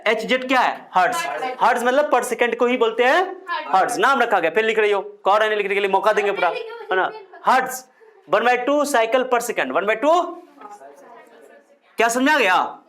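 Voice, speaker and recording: A man's voice: sits high, lively intonation, moderate pace, fairly bright tone. Man, physics teacher, classroom lecture, repeats terms, quizzes students constantly. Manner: drills the class with repeated questions; repeats key terms over and over.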